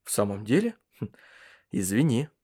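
A man's voice: lowish voice, sing-song, moderate pace, mellow, husky. A man voicing a wry, stubborn bedridden husband in an audiobook, talking dryly and curtly. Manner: dry, curt, teasing. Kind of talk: audiobook character reading.

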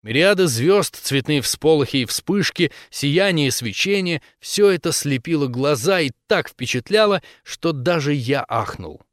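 A man's voice: a little high, expressive, normal speed, hardly any pauses, dry recording, clean studio sound. Man reading a sci-fi audiobook. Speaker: audiobook narrator. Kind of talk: scripted first-person narration.

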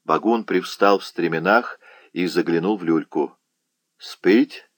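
Low-voiced man narrating dramatically. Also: moderate pace, a bit bright, no echo. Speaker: audiobook narrator. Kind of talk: expressive literary narration.

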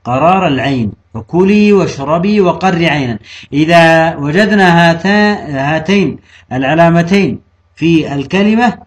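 Male grammar teacher, high voice, slow emphatic quoting of examples. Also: lively intonation. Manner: asks the class questions and answers them himself; slows down to quote and stress examples. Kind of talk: classroom grammar lesson.

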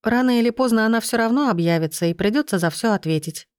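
A woman's voice: on the high side, lively intonation, fast, no room sound, clean studio sound, pitched above the performer's own voice, close to an everyday voice. A woman reading the lines of an earnest, pregnant young woman in an audiobook. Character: pregnant young woman, worried but resolute.

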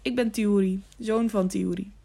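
Woman reading a defiant young male squire, earnest, clipped replies, middle pitch, audiobook. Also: steady tone, normal speed, creaky, warm tone, breathy edge.

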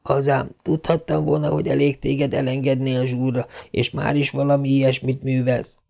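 A man reading an audiobook voices a stern, sensible older woman who scolds in a brisk way. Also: mid-range voice, little pitch movement, gravelly, mellow, voice pushed up, close to an everyday voice. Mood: scolding.

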